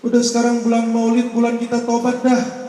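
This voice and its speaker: Male preacher, very high voice, joking street-talk sermon, boomy echo from far off over loudspeakers. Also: monotone, a little fast. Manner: joking colloquial banter mixed with chanted prayer. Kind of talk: religious sermon to a crowd. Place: outdoor park gathering. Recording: echoey loudspeaker sound from far off.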